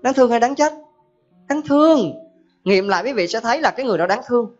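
A woman's voice: on the high side, lively intonation, quick pace. A woman giving a humorous Buddhist dharma talk in a folksy manner, full of rhetorical questions. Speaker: Buddhist teacher. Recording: dull lo-fi recording.

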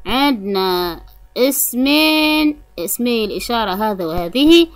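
A woman teaching a reading lesson for young children, sounding out syllables slowly and deliberately. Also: on the high side, expressive, no room sound. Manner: slow, drawn-out syllables for children to repeat. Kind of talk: early-grade reading lesson.

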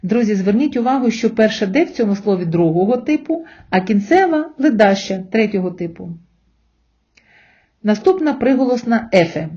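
A woman teaching an online language lesson, explaining letters and sounds in a slow, careful way. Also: medium pitch, animated, mellow, muffled recording.

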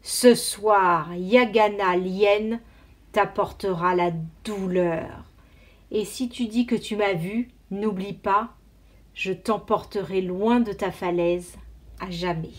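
A woman voicing a haughty male hornbill bird god who blusters and scolds loudly, in a read-aloud storybook. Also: a little high, lively intonation, slow, exaggerated voice. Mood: scolding.

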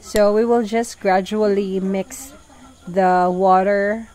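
A woman calmly explaining, step by step, how she prepares a farm fertilizer mix, speaking outdoors on a farm. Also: medium pitch, slow pace, poor audio. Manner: calm, explanatory, plain wording. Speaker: farm vlogger. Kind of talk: instructional farm narration.

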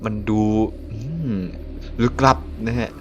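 A man's voice: takes it slowly, noisy background. A man hosting a mobile game let's-play, chatting casually, chuckling often and exclaiming when surprised. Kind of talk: casual gameplay commentary.

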